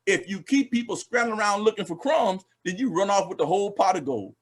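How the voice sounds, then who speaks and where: A man's voice: sits high, animated, a little fast. A man speaking as a panel guest, impassioned and emphatic, with many restarts. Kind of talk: online panel discussion.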